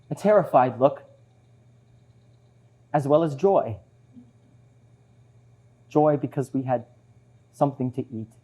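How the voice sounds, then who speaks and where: A man playing both parts in a one-man show, here as a refugee father gravely recounting his survival in a measured stage monologue. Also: on the high side, darkish tone. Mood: somber, reflective.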